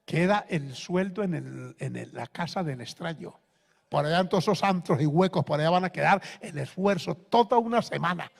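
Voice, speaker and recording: A man pastor with a Colombian accent, preaching a sermon that swings between loud exhortation and hushed anecdotes. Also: fairly high pitch, animated, normal speed, vocal fry, long reverb tail. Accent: Colombian Spanish.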